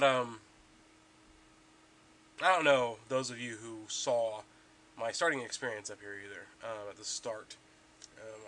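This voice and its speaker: Young man, mid-pitched voice, casual rambling, allergy-stuffed, faint hiss behind. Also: fairly bright tone. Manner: rambling, many ums and restarts. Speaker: podcast host. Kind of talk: casual gaming podcast chat.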